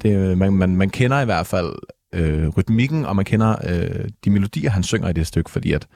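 A man's voice: low-pitched, expressive, vocal fry, darkish tone. A man hosting a casual podcast chat about an album, thinking aloud with frequent hesitations and fillers. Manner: thoughtful, hesitant, many fillers. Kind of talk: casual music review chat.

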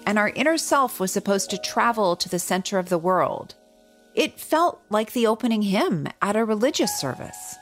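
A woman hosting a podcast. She narrates a scripted story in a wry tone. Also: fairly high pitch. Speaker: podcast host.

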